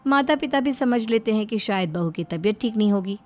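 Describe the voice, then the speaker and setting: A woman narrating a family drama story in a low, steady storytelling voice. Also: brisk, soft background music.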